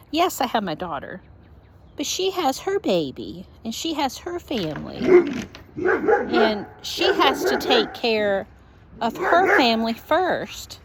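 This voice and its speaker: An older widowed woman talking slowly and heartfelt in a casual personal vlog recorded at home. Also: on the high side, background noise. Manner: slow, rambling, heartfelt. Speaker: vlogger.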